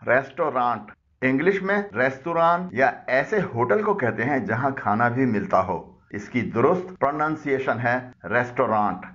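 Urdu-speaking guy teaching how to say english words, steady explainer tone, kinda muffled recording. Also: medium pitch, unhurried. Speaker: language teacher. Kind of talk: explanatory lesson.

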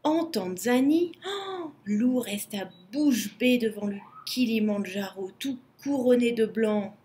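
A woman narrating a children's storybook in a slow, expressive way. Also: fairly high pitch, a little hiss or hum.

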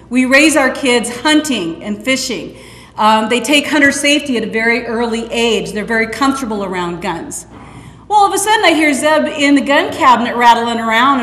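A woman's voice: fairly high pitch, fairly bright tone. A middle-aged woman from Northeast Nebraska giving an earnest, direct personal testimony at a school conference, acting out the dialogue she quotes. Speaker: conference speaker. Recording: echoey hall, long reverb.

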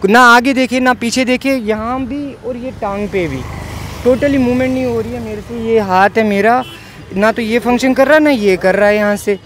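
A young man with a Kashmiri accent tells his story in an earnest, pleading way, often repeating himself. His voice sits high for a man. Faint street traffic hums behind him outdoors. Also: steady tone, normal speed, a bit bright. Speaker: interviewee, assault victim. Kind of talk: emotional eyewitness account.

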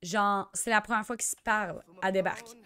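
A young woman with a Quebec French accent chatting through a life-sim game, excitable and sprinkling in English slang. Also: mid-range voice, brisk. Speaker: gamer. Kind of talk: let's play commentary.

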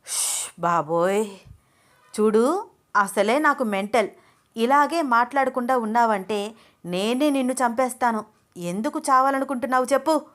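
A woman voicing a brash, short-tempered young man who talks loudly and bluntly in a told story. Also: on the high side, normal speed, natural voice. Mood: scolding. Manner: loud, scolding, blunt.

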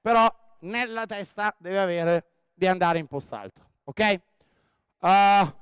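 A man running a basketball coaching clinic on the court, directing players with quick commands and frequent "ok?". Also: sits high, a bit bright, clean tone, dry recording. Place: indoor sports hall.

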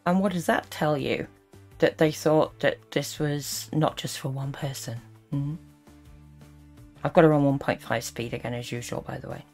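A woman giving critical reaction commentary as host, disapproving and full of sarcastic asides. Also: low voice.

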